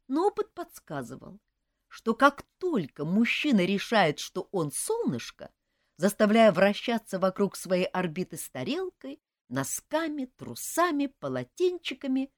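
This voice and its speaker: A woman's voice: medium pitch, darkish tone, no room sound, studio quality. Sarcastic woman narrating a story. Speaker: audiobook narrator. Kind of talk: first-person audiobook narration.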